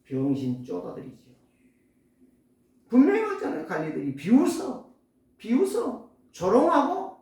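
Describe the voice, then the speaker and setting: A male pastor preaching a sermon emphatically, firing rhetorical questions and swinging between loud and soft. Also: very high voice, wildly swooping pitch, normal speed, pauses often. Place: church sanctuary. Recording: echoey church hall, distant mic.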